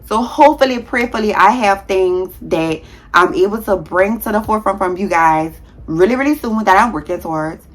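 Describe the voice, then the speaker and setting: A woman in her thirties, a nurse, chatting casually to her viewers in a vlog, talking fast with a heavy tongue and sometimes tripping over words. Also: medium pitch. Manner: frank, slangy, addresses viewers as y'all. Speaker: nurse and content creator.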